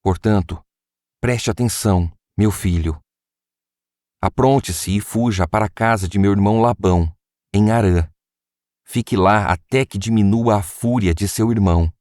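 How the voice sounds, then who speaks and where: A man's voice: fairly low pitch, moderate pace, a little mellow, dry recording, clean studio sound, natural voice. A man reading the words of Rebekah, a mother warning her son in an urgent, earnest way.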